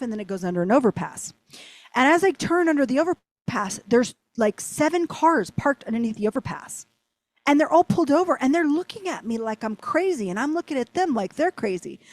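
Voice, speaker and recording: A woman's voice: fairly high pitch, dry recording. A woman telling a rambling personal story as an interview guest, with lots of "like". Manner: animated, rambling, heavy use of "like". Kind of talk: casual storytelling.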